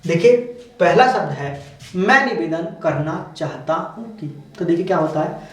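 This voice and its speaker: A man's voice: on the high side, lively intonation, normal speed, a bit bright. A man teaching a lesson, explaining step by step in a patient, repetitive way. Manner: repetitive, patient, says "dekhiye" often. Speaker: shorthand teacher. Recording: very echoey room, distant mic, faint hiss.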